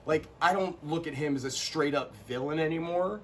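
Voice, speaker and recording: A young man co-hosting a casual chat, animated and quick to burst into quoted lines. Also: a little high, a little hiss or hum. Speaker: co-host.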